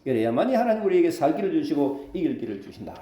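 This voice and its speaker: A pastor preaching a sermon, throwing rhetorical questions to the congregation. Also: male voice, fairly high pitch, rapid-fire, roomy sound, a little hiss or hum. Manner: lively preaching with call-and-response questions. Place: church sanctuary.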